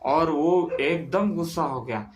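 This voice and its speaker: A man telling a story in the first person, halting, with restarts and English words mixed in. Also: a little high, background noise.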